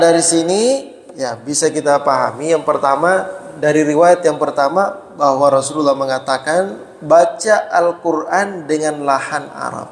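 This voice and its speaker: Male mosque preacher, slightly high voice, explanatory teaching tone, roomy hall sound. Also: creaky, slight background noise. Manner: explains Arabic terms slowly, frequent "ya" tags; asks listeners rhetorical questions. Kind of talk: mosque study talk.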